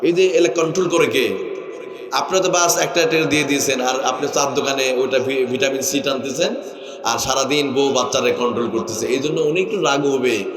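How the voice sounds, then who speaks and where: A man from Bangladesh preaches an Islamic sermon with animated rhetorical questions, rising loud and then falling hushed. He is heard from some distance off the mic. Long echo rings through the gathering. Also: mid-range voice, brisk.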